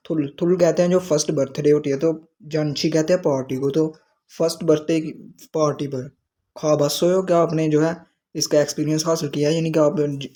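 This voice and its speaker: A man's voice: fairly high pitch, warm tone. A man teaching a language lesson, explaining the dialogue word by word. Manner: explains word by word, with frequent restarts.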